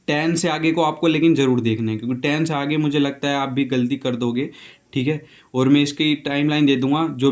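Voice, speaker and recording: A male teacher giving a casual spoken lesson, spelling words letter by letter, repeating each pronunciation and checking in with "okay". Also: medium pitch. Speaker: English teacher.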